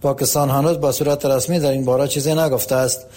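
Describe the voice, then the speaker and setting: Mellow-voiced male radio reporter. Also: medium pitch. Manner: even, formal reporting tone. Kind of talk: scripted news report narration.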